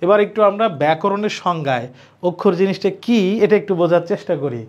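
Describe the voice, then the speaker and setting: A man with a high-pitched voice teaches an online grammar lesson. He explains slowly, restates each point and keeps asking his students questions. The recording sounds dull and lo-fi. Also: lively intonation.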